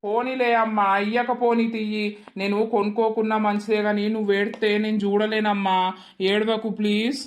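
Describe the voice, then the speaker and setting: A caring teenage son, voiced by a woman in a cartoon. He pleads and soothes in a mid-pitched voice. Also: little pitch movement, fairly quick, close to an everyday voice.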